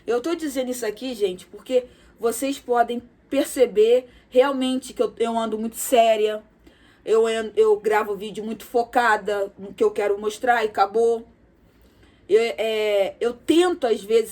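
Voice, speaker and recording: Soft-spoken woman pouring her heart out. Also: on the high side. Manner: soft, halting, frequent fillers and repeated words; addresses viewers directly with frequent "tá?" tags. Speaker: vlogger. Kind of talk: personal confessional vlog.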